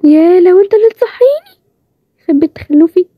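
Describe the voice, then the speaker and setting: A woman voicing a sharp-tongued young heroine with an Egyptian accent, in a bantering, higher-pitched way. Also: lively intonation, fast talker, dry recording, narrow, tinny audio. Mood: flustered. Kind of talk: storybook role-play series.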